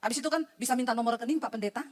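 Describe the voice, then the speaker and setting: A woman's voice: on the high side, racing. A woman pastor preaching a sermon to her congregation, talking colloquially and directly to them and acting out the people she quotes. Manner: lively, colloquial, addresses the congregation directly, acts out quoted voices. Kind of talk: sermon with storytelling.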